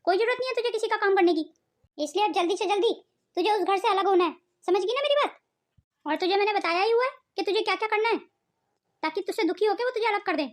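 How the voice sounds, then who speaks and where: A woman's voice: extremely high pitch, lively intonation, fast. A woman voicing a scheming, meddling mother in a cartoon, coaxing in a conspiratorial way. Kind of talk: melodramatic cartoon voice acting.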